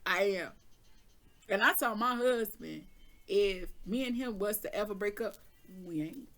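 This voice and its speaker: A woman's voice: medium pitch, unhurried, a bit bright. A woman doing a casual tarot reading who talks candidly, jokes, laughs often and swears now and then. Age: adult with children. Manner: candid, joking, with frequent laughs and mild swearing. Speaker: tarot reader.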